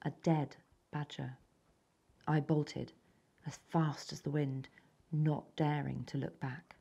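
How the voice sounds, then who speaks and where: An English schoolgirl of about ten reads aloud a story she wrote, in a voice rather low for her age. She reads slowly, carefully and evenly with little pitch movement, sometimes dropping into soft, breathy passages. The sound is lo-fi.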